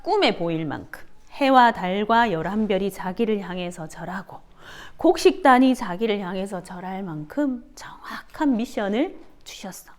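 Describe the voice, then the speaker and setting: Lively woman teaching children. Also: medium pitch, normal speed, few pauses. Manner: animated, asks children questions, gasps for effect. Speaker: Sunday school teacher. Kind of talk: children's sermon with questions to the kids.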